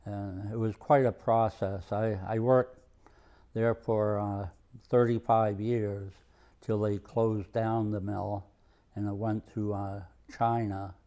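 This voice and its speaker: An older man with a Maine accent tells his oral history in a soft-edged, mellow voice. His delivery is very even and slow, with halting pauses. He sounds plainspoken and understated throughout. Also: lowish voice. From Maine, USA. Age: over 65. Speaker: retired mill worker and museum volunteer. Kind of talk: oral history interview, reminiscing.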